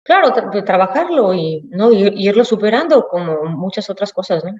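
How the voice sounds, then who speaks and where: A woman guest answering hesitantly and slowly in an interview, repeating herself. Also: medium pitch, very animated, a little mellow, highs cut off.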